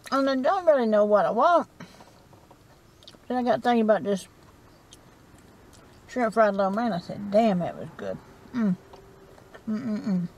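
A middle-aged vlogger from South Carolina, with a Southern US accent, eats in her parked car at night and chats in a rambling, folksy way, captured by a dashboard camera. Her voice is on the high side and a little mellow, with slight background noise.

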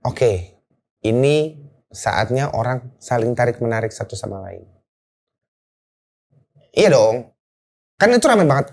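In a casual interview, a woman guest tells a story in slang, repeating words for emphasis and animatedly acting out her own thoughts. Her husky voice rumbles low, and she speaks at a measured pace with frequent pauses.

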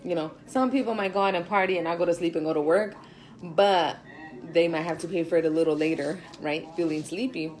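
A woman in her twenties talks in a loose, chatty vlog style, full of slang. Her voice sits a little low, and she speaks fairly loudly. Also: a little fast, poor audio. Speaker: fitness instructor and realtor. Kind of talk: casual chat vlog.

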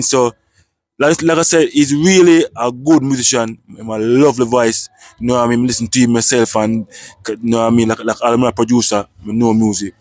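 A man's voice: medium pitch, a little mellow, dry recording, studio quality. A man hosting a vlog interview outdoors, with a loose style full of "know what I mean". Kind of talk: casual interview talk. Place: outdoors, sitting by a dirt road.

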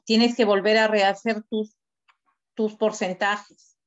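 A woman's voice: medium pitch, little pitch movement, takes it slowly. A woman, a teacher giving direct, corrective feedback on student work over a video call. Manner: direct, corrective, gives step-by-step instructions. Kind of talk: online class feedback. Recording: dull lo-fi video call audio.

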